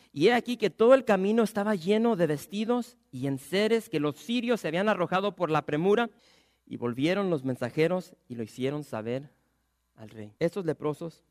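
A male preacher, delivering a sermon in an emphatic way, with many rhetorical questions to his listeners. His voice is high for a man and sounds close and dry. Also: no echo.

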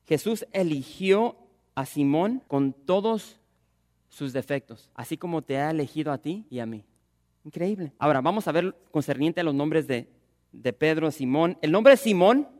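Male pastor, fervent sermon, fairly high voice, loud bursts then hushed. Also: expressive, moderate pace, in a large hall. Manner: emphatic preaching, swinging from loud to hushed.

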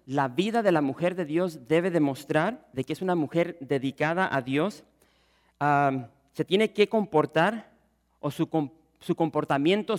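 A male pastor preaches verse by verse and speaks directly to his listeners. His voice sits a little high for a man. It carries a long reverb, as in a church sanctuary. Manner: expository preaching, addressing the congregation directly. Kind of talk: sermon.

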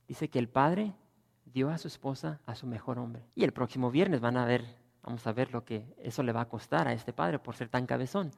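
A man's voice: on the high side, creaky. Emphatic male preacher in a reverberant hall. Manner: preaching with rising emphatic bursts and dropping to quiet asides. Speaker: pastor. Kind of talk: sermon.

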